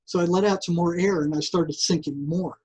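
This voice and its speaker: Older man, husky voice, animated storyteller who stumbles and restarts often. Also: on the high side, a little fast, poor audio. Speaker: guest, psychotherapist. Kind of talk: casual interview storytelling.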